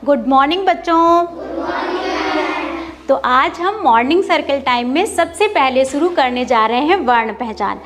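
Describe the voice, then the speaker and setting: A woman primary school teacher leading a phonics lesson, calling out syllables slowly and clearly for children to repeat. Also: sits high, lively intonation, a bit bright, faint music behind. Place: classroom with children.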